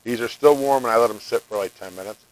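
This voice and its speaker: A man from the United States casually chatting through a home cooking vlog, relaxed and talkative, often tasting food while he speaks. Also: medium pitch, fast, rough recording. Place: home kitchen.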